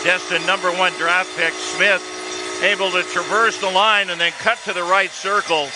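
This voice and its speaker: A male hockey commentator speaks in a high-pitched voice, recapping the play. The recording is clearly noisy. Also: fairly even intonation, moderate pace. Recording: noisy game broadcast.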